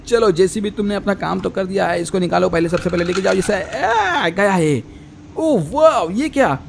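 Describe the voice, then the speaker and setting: High-ish voice guy playing with toys for kids, lots of ohos and arre. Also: moderate pace, vocal fry, a little hiss or hum. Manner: lively, exclaiming. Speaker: toy channel host. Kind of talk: narrating toy play for children.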